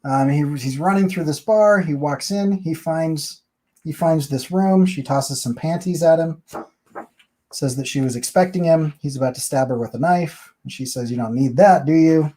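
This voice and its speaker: A man's voice: on the high side, normal speed, warm tone. A man hosting a comic book review, chatting casually and rambling as he walks through the story page by page. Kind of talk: casual chat.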